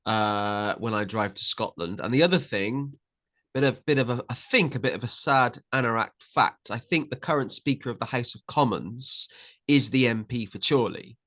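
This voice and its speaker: A man's voice: medium pitch, normal speed, pushed and bright. A man hosting a podcast, chatting with his guest and asking questions. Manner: chatty, interviewing. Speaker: podcast host. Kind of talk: casual conversation.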